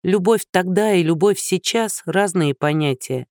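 A man reading an audiobook, voicing Liza, a prickly, sharp-tongued young woman, in a higher voice with clipped retorts. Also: moderate pace, no room sound, clean studio sound. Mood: scornful.

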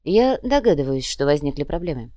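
A woman voicing a composed, weary male commissar who gives calm, clipped orders. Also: deep voice, a little fast, no room sound, studio quality.

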